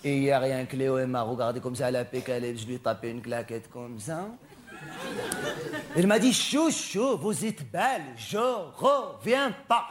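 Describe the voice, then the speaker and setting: A man's voice: mid-range voice, sing-song, moderate pace, crowd noise, lightly acted. A man performing a stand-up monologue as a vain, chatty, flamboyant male cabaret performer who snaps at hecklers. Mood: gossipy. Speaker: comedian.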